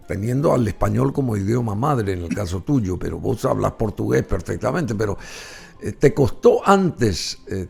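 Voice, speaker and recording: A man's voice: lowish voice, vocal fry, a little mellow, slightly rough. A man hosting an interview, asking long, hesitant, rambling questions. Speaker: interviewer host.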